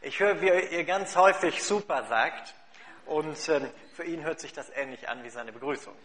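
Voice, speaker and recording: This man's voice sits on the high side, with a moderate pace and a fairly bright tone. He is German and heads a charity, and here he interprets for a guest before telling a church congregation a story in a chatty way, full of fillers.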